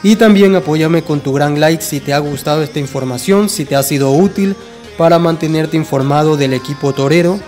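A young man talks through football news for his fan channel in a loose, conversational way. His voice sits a little on the high side, and he often hesitates and restarts. Faint music plays quietly behind him. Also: fairly quick. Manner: conversational, frequent fillers and restarts. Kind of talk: casual fan news commentary.

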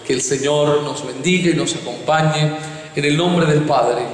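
A man's voice: fairly high pitch, a little slow. A man leading solemn liturgical prayer as a priest, in a cathedral-like echo. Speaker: priest presiding at Mass. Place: inside a church at a lectern. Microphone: headset microphone. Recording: echoey church, distant, faint noise.

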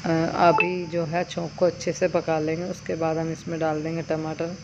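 A chatty woman with a lowish voice talks through her cooking in a village kitchen, explaining each step in a homely way. The sound is dull and lo-fi, and crickets and insects chirp clearly behind her. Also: level tone, moderate pace. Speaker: village vlogger. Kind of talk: cooking vlog narration. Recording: dull lo-fi sound with outdoor noise.

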